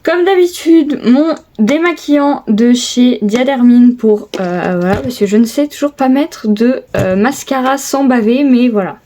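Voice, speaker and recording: A woman's voice: on the high side, unhurried, few pauses, warm tone. A young woman chatting casually through a make-up tutorial, filmed on her phone at home, with many hesitations and little repeated gushes. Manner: chatty, lots of hesitations and repeated "trop, trop beau". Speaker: beauty vlogger. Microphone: phone camera.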